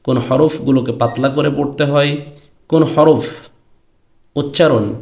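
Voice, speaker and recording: A man teaches Quran pronunciation in a slow, deliberate way, speaking directly to his students. His voice is gravelly, and he draws out each letter name in a chanted tone. The recording has a noticeable room echo. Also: mid-range voice, steady tone, a little mellow, muffled recording. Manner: drawn-out chanted letter names between explanations. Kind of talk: pronunciation lesson. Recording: echoey room.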